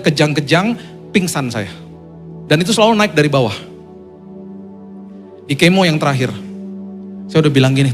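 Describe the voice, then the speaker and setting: Male pastor, dramatic sermon storytelling, fairly high voice, faint music underneath. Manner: dramatic storytelling, voice climbing high when excited. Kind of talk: sermon testimony.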